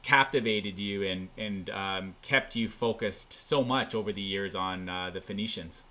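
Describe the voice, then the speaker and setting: A podcast host interviewing a guest, asking unhurried questions with fillers. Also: low-pitched, pushed and bright.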